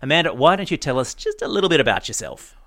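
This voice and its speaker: Lively, bright-voiced male host. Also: a little high, quick pace. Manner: upbeat, playful presenter. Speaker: podcast host. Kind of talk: podcast hosting and interview.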